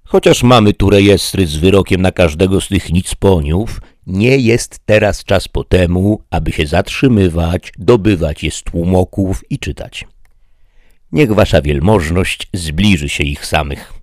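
A man's voice: deep voice, a little slow, darkish tone, dry recording, studio quality, pitched above the performer's own voice. A man voicing a blunt, impatient mounted guard who speaks brusquely.

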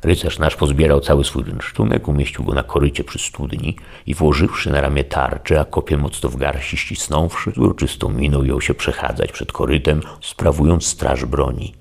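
A man narrating a classic novel as an audiobook, in a measured, solemn storytelling manner. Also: extremely low pitch, creaky. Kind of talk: scripted literary narration.

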